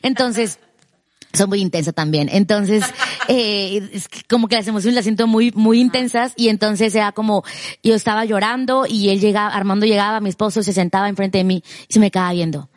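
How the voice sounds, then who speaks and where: A woman's voice: mid-range voice, steady tone, fairly quick, no room sound. A young woman chatting casually as co-host, talking emotionally and acting out quoted dialogue with her husband. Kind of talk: casual chat.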